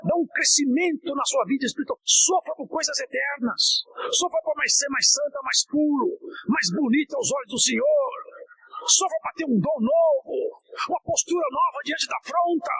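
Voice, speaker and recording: A man preaching an impassioned sermon, at times shouting and at times dropping low. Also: low-quality recording. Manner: impassioned, often shouting, swinging from high to low.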